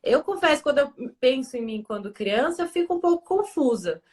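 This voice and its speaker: Chatty woman host with a higher voice. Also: lively intonation, brisk, a little mellow. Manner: chatty, thinks aloud with fillers. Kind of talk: casual chat.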